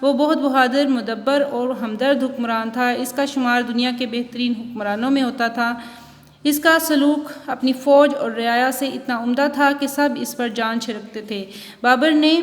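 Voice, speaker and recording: A woman teacher giving a recorded school lesson, explaining punctuation and reading a story aloud at a slow, careful pace. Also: fairly high pitch, long reverb tail. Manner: reads textbook examples and a story aloud, explaining slowly. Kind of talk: online Urdu class lecture.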